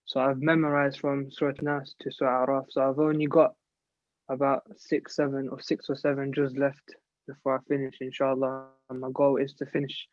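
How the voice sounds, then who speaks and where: Speaking at a moderate pace in a medium-pitched, completely flat voice, a late-teen young man, 17 and a martial artist, answers interview questions casually on a video call. There's no echo, though the call audio sounds slightly dull.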